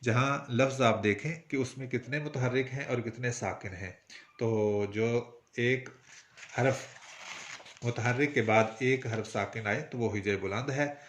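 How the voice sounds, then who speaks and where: A man from Pakistan with a Punjabi accent, teaching Urdu poetry meter in a patient, explanatory way with frequent pauses. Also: medium pitch, fairly bright tone, a little hiss or hum. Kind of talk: spoken lesson on Urdu verse meter.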